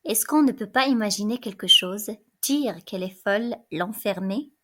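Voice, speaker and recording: A woman reading aloud the part of the chorus, gravely urging the king to show mercy. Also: mid-range voice, expressive, moderate pace, a bit bright.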